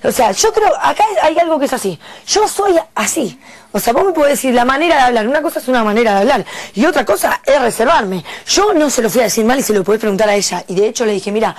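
A young woman from Argentina speaks with a Rioplatense accent, high and very fast, piling up slang as she defends herself through tears. The sound is close and dry, with no room around it. She never stops to let the other person in. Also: expressive, dry recording. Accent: Rioplatense Spanish. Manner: defensive, rapid and emphatic, slangy. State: tearful. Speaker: reality show contestant. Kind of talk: heated argument.

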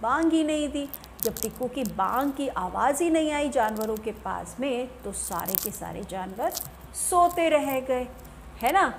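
A woman teacher reading a story aloud to young pupils, often pausing to ask and explain. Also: high voice, expressive, a little hiss or hum. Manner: asks the class questions, repeats and explains. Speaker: primary school teacher.

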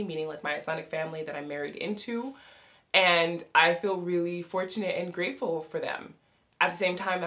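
An American woman in her thirties, a vlogger and podcast host, talks to camera from a small bedroom with a sloped ceiling, explaining things in an upbeat, chatty, informative way. Her voice is fairly low-pitched with a fairly bright tone.

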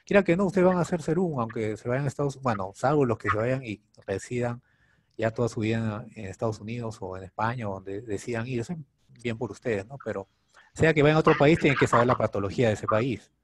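A middle-aged man talks through a lecture for medical students in a relaxed, conversational way. His pitch sits mid-range for a man, and he keeps checking in with his listeners with a questioning "no?". A faint hiss of noise runs under the recording. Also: quick pace. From Peru. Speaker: doctor teaching medical students. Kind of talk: informal online lecture.

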